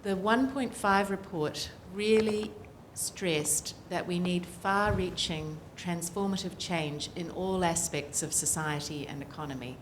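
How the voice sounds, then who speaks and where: A woman's voice: lowish voice, a little slow, hardly any pauses, a little hiss or hum. A middle-aged woman with a New Zealand accent, speaking earnestly as a panelist and political scientist with frequent ums. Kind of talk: panel discussion remarks.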